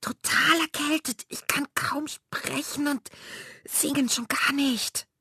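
A woman voicing a girl with a bad cold, speaking in a raspy, hoarse whisper. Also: sits high, fairly even intonation, slow, sharp tone, no room sound, clean studio sound, pitched above the performer's own voice, exaggerated voice. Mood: croaky.

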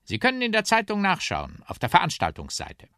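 A man voicing a slim, shy talking trumpet in a children's radio story, speaking softly and breathily. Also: sits high, wildly swooping pitch, brisk, no room sound, clean studio sound, pitched above the performer's own voice, full character voice. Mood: polite, earnest. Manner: soft, breathy.

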